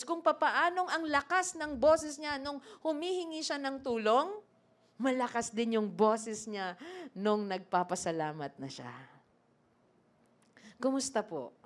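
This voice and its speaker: A woman preaches a sermon in a slightly high voice. She asks the congregation questions, switches often into acting out scripture scenes, and keeps the delivery lively. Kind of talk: sermon mixing Tagalog and English.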